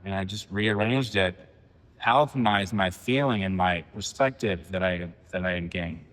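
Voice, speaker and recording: A man in his forties giving a poetry reading, with halting, filler-heavy asides between poems. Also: low voice, fairly bright tone, in a large hall. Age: 40s. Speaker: poet. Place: reading venue.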